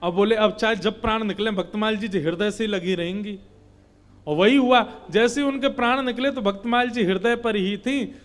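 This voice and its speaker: High-voiced man preaching a sermon. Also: normal speed. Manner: emphatic, rising to fervent appeals. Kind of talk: devotional sermon. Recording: faint instrumental music behind.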